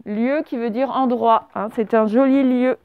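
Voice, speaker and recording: High, smooth-voiced woman teaching dictation. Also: steady tone, unhurried, phone-quality sound. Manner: patient, spells out words letter by letter; asks pupils questions and praises answers. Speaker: primary school teacher. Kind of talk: classroom dictation lesson.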